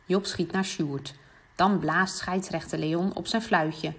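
A woman reading a children's story aloud, giving the children's calls lively, high voices. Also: takes it slowly, slightly rough.

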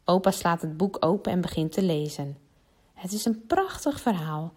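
A woman reading a children's Christmas story aloud, expressive and lively, giving the characters their own voices. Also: on the low side, moderate pace, slightly rough.

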